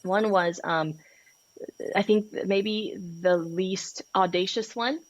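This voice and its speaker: A woman's voice: medium pitch, fairly even intonation, takes it slowly, dry recording, low-quality recording. A woman from Peru, a sex and relationship coach, talking frankly and passionately as a podcast guest. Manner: candid, passionate, frank with swearing. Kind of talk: podcast interview.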